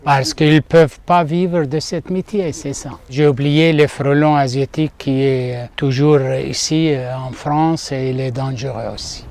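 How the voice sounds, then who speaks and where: A man from Syria, a master beekeeper, speaking careful with many pauses. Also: medium pitch, steady tone, a little mellow. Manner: careful non-native French, many pauses. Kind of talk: interview.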